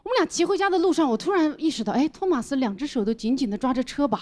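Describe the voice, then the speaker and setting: A woman comedian telling a stand-up story in an animated, exclamatory way on a stage mic. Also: sits high, racing.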